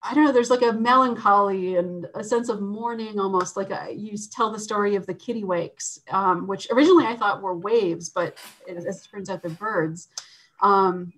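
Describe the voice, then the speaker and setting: Woman panel guest, mid pitch, hesitant and filler-heavy, talking over a video call. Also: moderate pace, fairly bright tone, poor audio. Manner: hesitant, many fillers and laughs. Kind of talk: casual discussion on a video call.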